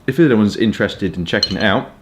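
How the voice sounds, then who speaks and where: A man from Kent with a southern English accent, chatting informally and hesitantly in a rambling casual review, with stop-start pauses. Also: fairly low pitch. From Kent, England. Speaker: pipe tobacco reviewer.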